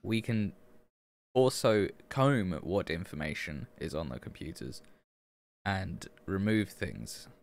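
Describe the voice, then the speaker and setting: A man's voice: low-pitched, animated, takes it slowly, vocal fry. A man talking casually as a player in a tabletop role-playing game.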